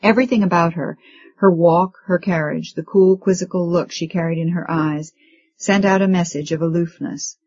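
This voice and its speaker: Husky female audiobook narrator. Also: fairly low pitch, highs cut off. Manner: steady, measured reading.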